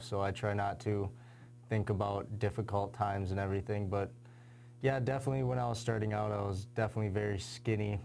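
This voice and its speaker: A young man, a high school athlete, answering interview questions casually with lots of fillers. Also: gravelly, a little mellow. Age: young adult. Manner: casual, lots of "you know" and "kinda".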